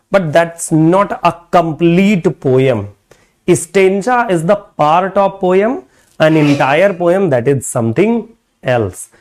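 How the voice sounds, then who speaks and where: A man teaching English literature in a live online exam-prep lesson. He reads poem lines slowly and drawn out, explains in a mix of Hindi and English, and keeps calling his viewers "guys". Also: high-pitched, a little mellow. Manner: often addresses viewers as guys.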